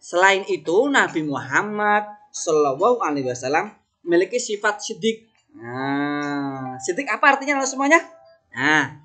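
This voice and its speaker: A man's voice: high-pitched, very animated, normal speed, sharp tone. A man teaching a religion lesson to young children, coaxing them along by asking questions and answering them himself.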